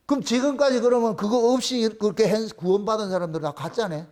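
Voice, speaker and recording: A male pastor with a Gyeongsang Korean accent preaches a sermon emphatically and mockingly, firing off rhetorical questions. His voice is high-pitched, brisk and a little mellow.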